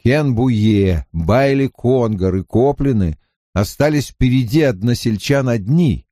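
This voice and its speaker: A man narrating a fantasy novel as an audiobook in an expressive storytelling manner. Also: medium pitch, slow, no room sound, clean studio sound.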